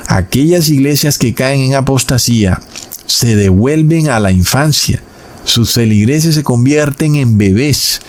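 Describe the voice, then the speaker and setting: Deliberate male preacher teaching scripture. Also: medium pitch, expressive. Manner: deliberate, slowing words down for emphasis; addresses listeners as brothers. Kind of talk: sermon-style Bible teaching.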